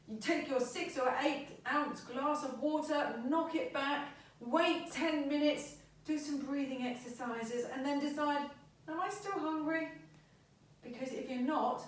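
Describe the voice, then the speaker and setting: Emphatic high-voiced woman, echoey room. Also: recorded from a distance. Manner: chatty and emphatic, repeats advice. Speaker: back pain therapist. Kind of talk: informal health talk to camera.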